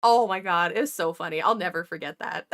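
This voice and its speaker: A woman's voice: on the low side, big pitch swings, moderate pace, fairly bright tone. A woman who used to be an ICU nurse, telling stories in a chatty, profane way while painting miniatures. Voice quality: chatty, profane, laughs often.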